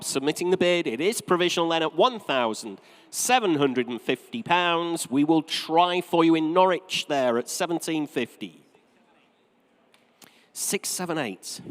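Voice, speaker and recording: A man's voice: a little high, clean tone. British male auctioneer in a reverberant hall. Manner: formal patter with repeated figures and bantering asides. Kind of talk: live auction calling, calling out bids. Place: large auction saleroom. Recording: long reverberant hall sound.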